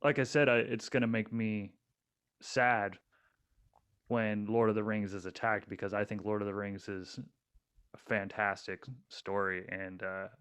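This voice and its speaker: A man's voice: fairly low pitch, level tone, a little slow, fairly bright tone, clean tone. A young man co-hosting a casual podcast, rambling with lots of fillers and restarts. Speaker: podcast co-host.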